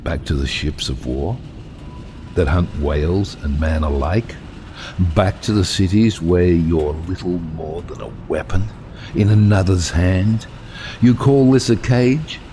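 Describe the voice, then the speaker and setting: A world-weary, defiant submarine captain in a radio drama. His voice is very low and gravelly, swinging widely in pitch as he speaks slowly and grandly. A heavy rumble runs behind him. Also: exaggerated voice. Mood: stern, challenging. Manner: grandiose, deliberate, theatrical delivery. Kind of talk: dramatic audio drama acting.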